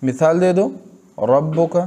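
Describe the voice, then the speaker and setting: Slow, patient man teaching recitation. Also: on the high side, dark tone. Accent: Pakistani Urdu. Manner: patient, repeats example words, asks and answers his own questions. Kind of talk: slow tajweed lesson.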